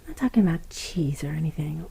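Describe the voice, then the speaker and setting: A woman speaking in a hushed, soft-spoken ASMR whisper, murmuring commentary as she reads items aloud. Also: low-pitched, animated, fast talker. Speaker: ASMR video host. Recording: close recording with clear background noise.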